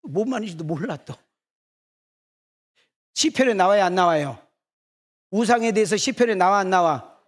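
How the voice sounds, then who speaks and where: A middle-aged man preaches in a church with a high-pitched voice. He teases his congregation and throws out rhetorical either-or questions. He keeps the listeners engaged with banter. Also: expressive, moderate pace, pauses often. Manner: teasing, rhetorical back-and-forth questions. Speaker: senior pastor. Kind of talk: sermon.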